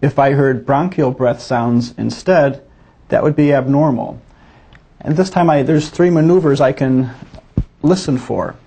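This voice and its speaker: A male physician with a gravelly, husky, medium-pitched voice runs a teaching demonstration at a measured pace. His dark, mellow tone stays steady and methodical as he explains each step to students.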